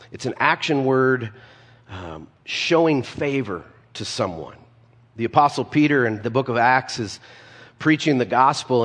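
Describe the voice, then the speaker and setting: A man's voice: medium pitch, fairly bright tone. A man preaching a sermon in an easygoing, conversational way. He tells stories and drops casual asides to the congregation. His voice rings out with a long reverb, as if in a large hall. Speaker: pastor.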